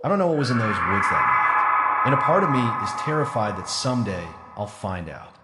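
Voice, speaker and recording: A man with a fairly low voice narrates a first-person horror tale. His delivery is dramatic and suspenseful, rising and falling expressively between deliberate pauses. Loud atmospheric noise sits behind the voice. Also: big pitch swings.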